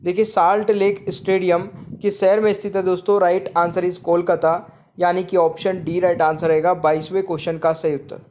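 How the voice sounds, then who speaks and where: A man with a high voice talks over quiz slides as a teacher. He reads every question, repeats it to his viewers, and then states the answer plainly. His steady classroom patter keeps to a fixed routine. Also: fairly quick. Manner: repeats each question, addresses viewers as friends. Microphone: voice-over on screen slides.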